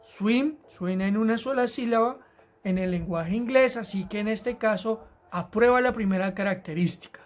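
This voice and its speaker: A woman teaching an English grammar lesson to Spanish-speaking students, explaining rules patiently and repeating key words slowly. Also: medium pitch, faint music behind. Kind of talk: recorded grammar lesson narration.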